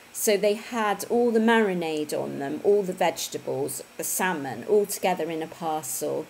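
The audio is poor, with a little hiss or hum, as a woman with a fairly low, slightly mellow voice hosts a fitness livestream indoors at home. She chats casually with viewers, reading their comments and leaning on tag questions.

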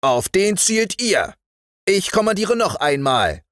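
A man voicing a gruff, bossy toy-soldier sergeant who barks commands in a storybook reading. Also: high voice, sing-song, takes it slowly, a bit bright, no room sound, studio quality, pitched above the performer's own voice, full character voice. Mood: commanding. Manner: barked commands.

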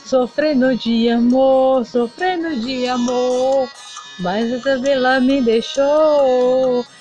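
A woman's voice: sits high, fairly even intonation, slow pace, mellow, faint music behind. A woman voicing a heartbroken male doll singer in a toy play video, melodramatic and sing-song. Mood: lovesick lament.

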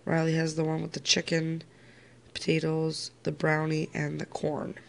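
A woman's voice: sits low, completely flat delivery, moderate pace, creaky. A woman chatting casually to her camera as she shows off her garden and her lunch. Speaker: family vlogger. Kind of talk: casual vlog narration. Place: home and backyard garden, outdoors at times.

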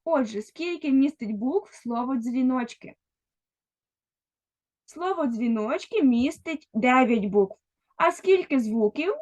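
A woman's voice: high-pitched, animated, slow pace, a little mellow, lo-fi sound. A woman teaching a first-grade literacy lesson, speaking patiently and directly to a young child. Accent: Ukrainian. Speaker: primary school teacher.

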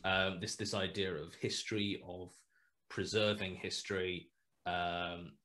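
A guest writer in his thirties, on a casual video call interview from a small room at home, thinks aloud through his headset with many fillers, restarts, and hesitations. His deep voice is flat and a little slow, yet bright and forceful in tone.

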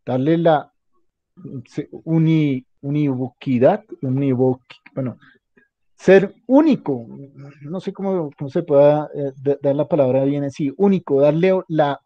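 Halting man lecturing, dull lo-fi sound. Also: on the high side, no echo. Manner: halting, restarts often, tags lines with "¿sí?". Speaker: teacher. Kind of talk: classroom lecture. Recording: dull, muffled lo-fi audio.

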